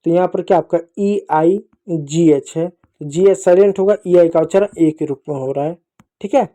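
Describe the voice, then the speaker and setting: A man with a very dark, mellow voice teaching children phonics in a recorded lesson. He talks patiently and repetitively, calling to the kids again and again. He spells letters out slowly and runs through lists of example words. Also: a little high. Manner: patient and repetitive, keeps addressing the children directly.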